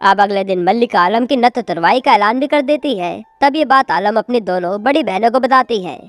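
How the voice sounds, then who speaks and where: A woman narrating a recap of a web series, retelling the plot episode by episode in steady scripted storytelling. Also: medium pitch, moderate pace, dry recording.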